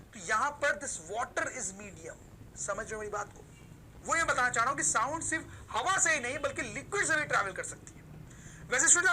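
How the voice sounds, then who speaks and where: Woman teacher, lecture to camera, piercing bright tone, rhetorical questions to "students". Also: high voice, slight background noise, rough recording. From Pakistan. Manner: explains slowly, poses questions and answers them herself; addresses the listeners as "students" almost every sentence. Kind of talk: recorded video lecture.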